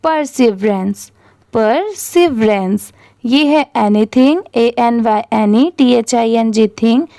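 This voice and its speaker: A woman with a fairly high voice leads an English reading lesson. She spells each word out letter by letter and then reads it very slowly and deliberately. The sound is dry and close. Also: vocal fry, dark tone, no room sound. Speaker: English teacher.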